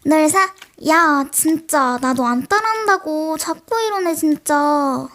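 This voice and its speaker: Teen girl, high bright pitch, slightly sore throat, mock livestream role-play, bickering with chat. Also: slow. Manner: talks straight to imagined chat viewers, scolding and chatty. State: mild sore throat from a cold. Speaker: solo role-play creator.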